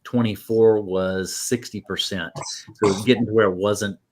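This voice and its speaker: A man's voice: on the low side, fairly even intonation, normal speed, a little mellow, a little hiss or hum. A man talking as a guest, explaining things in a casual, conversational way.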